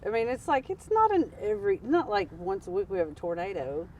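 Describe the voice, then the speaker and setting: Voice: medium pitch, big pitch swings, a little fast, darkish tone, recorded from a distance, lo-fi sound, slight background noise. A speaker from Tennessee with a Southern accent, telling rambling stories in casual chat. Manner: rambling, anecdotal, many "like" fillers. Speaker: interviewee, local.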